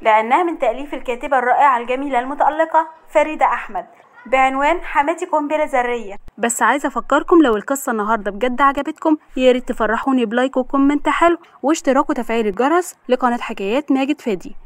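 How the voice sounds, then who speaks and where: A woman with an Egyptian accent narrating an audio story in a lively storytelling manner. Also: high voice.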